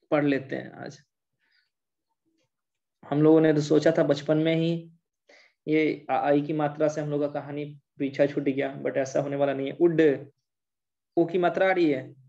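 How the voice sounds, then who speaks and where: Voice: mid-range voice, warm tone, dull audio. A teacher giving an online English class, repeating points over and over and switching between Hindi and English. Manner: repetitive drilling, mixes Hindi and English.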